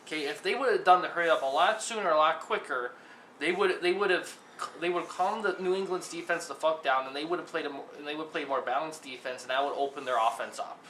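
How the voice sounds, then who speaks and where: A young man arguing on a mock sports talk show, often repeating his words as he builds each point. His voice is bright and fairly high. The echoey room adds a faint hiss behind him. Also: fast. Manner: argumentative, repeats himself when starting a point. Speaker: co-host.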